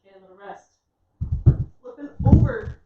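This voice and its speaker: A woman fitness instructor giving workout instructions in an encouraging, reassuring way. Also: moderate pace. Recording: echoey room, distant dull mic, faint noise.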